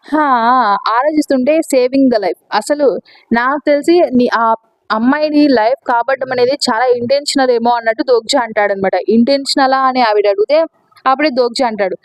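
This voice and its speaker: A woman with a Telugu accent narrating a comic recap in a quick, chatty way, mixing in English words and retelling the characters' lines in her own voice. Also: sits high, dry recording, low-quality recording. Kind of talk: casual spoken recap narration.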